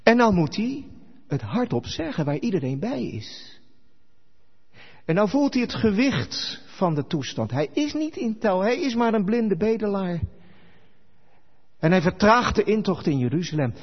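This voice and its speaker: Male pastor, husky tone, lively sermon, dull recording with long church reverb. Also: high-pitched, a little slow. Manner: animated storytelling, acting out quoted dialogue. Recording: echoey hall, dull lo-fi sound.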